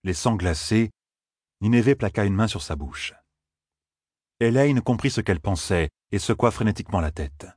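Male audiobook narrator, deep grainy voice, measured delivery, dry close recording. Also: husky, dry recording. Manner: steady, measured storytelling. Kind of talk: scripted narration.

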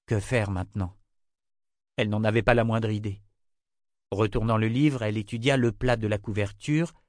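A man reading a fantasy novel aloud as an audiobook narrator, in a steady, even storytelling manner. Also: fairly low pitch, no room sound, studio quality. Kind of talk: scripted narration.

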